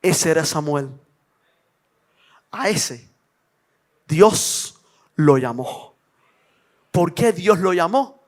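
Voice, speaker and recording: A man preaching a sermon, telling a Bible story dramatically and building to loud, fervent exhortation. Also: on the high side, lively intonation, very slow, long pauses. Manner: dramatic storytelling, acting out the characters' lines.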